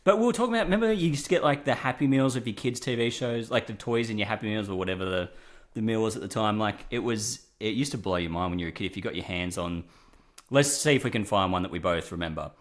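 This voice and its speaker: A young man from Australia co-hosting a casual chat show, chatty and quick to laugh, jumping from story to story. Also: on the low side. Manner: chatty, laughs often, jumps between stories. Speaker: podcast co-host.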